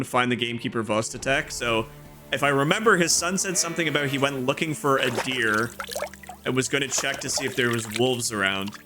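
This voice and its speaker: A man hosts a casual gaming playthrough in a bright, mid-range voice. He chats and thinks aloud in exclamations, with game music faintly behind him. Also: mid-range voice.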